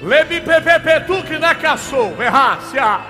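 A very high, bright and forceful male voice with a Brazilian Portuguese accent, preaching at a church service. He swings between quick murmured phrases, shouted commands and streams of speaking in tongues. The recording has a long hall reverb with faint music underneath. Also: expressive. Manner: alternates hushed rapid speech with shouted commands and bursts of tongues. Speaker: pastor.

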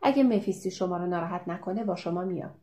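A gruff middle-aged farm boss, as a woman narrator puts him on talks in blunt, loud lines pitched a little above her reading voice. The tone stays mellow and rounded rather than harsh, fitting an audiobook scene. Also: lightly acted. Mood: wry.

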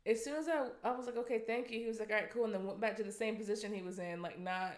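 A woman co-hosting a casual chat, telling stories in a profane, animated way and laughing as she goes. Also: medium pitch, very fast. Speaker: podcast co-host. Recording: echoey room.

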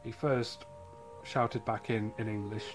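A man hosting a casual podcast, telling a case and reading quotes aloud with halting restarts. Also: lowish voice, steady tone, over music.

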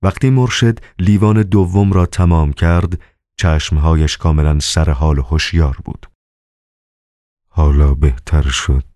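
Deep-voiced man narrating an audiobook. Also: fairly even intonation, a little mellow, no room sound, studio quality.

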